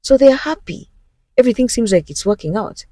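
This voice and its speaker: A woman podcast host tells a dramatic story in a relaxed, conversational way, addressing the listener as "you." Her voice sits fairly high and is recorded close and dry, with almost no room sound. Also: brisk, no echo. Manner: recounts the story in second person, speaking to the listener. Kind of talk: casual storytelling.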